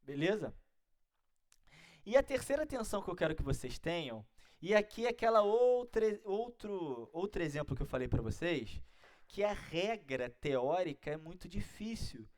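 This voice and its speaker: A man's voice: a little high, darkish tone. A man with a Brazilian Portuguese accent teaching an exam-prep grammar lesson, explaining step by step and checking in with his students often. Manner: didactic, keeps checking in with listeners.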